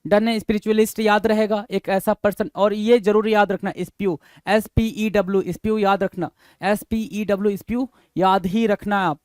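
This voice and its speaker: A man's voice: high voice, steady tone, moderate pace, a little mellow, clear, resonant tone, dry recording. A man teaching an exam-prep vocabulary lesson, repeating each word, spelling it out letter by letter and checking in with students through rhetorical questions.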